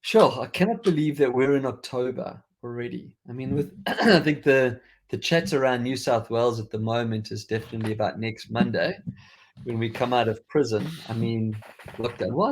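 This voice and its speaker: In a mid-range voice at a moderate pace, a South African podcast host with a faded accent wanders through relaxed tech talk, restarting frequently. There's a little hiss or hum in the recording.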